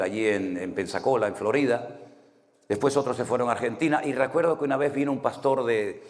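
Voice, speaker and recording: A man from Spain with a Canary Islands accent, a pastor giving a conversational sermon full of anecdotes and asking the congregation "right?" often. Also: on the low side. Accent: Canary Islands Spanish. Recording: long hall reverb.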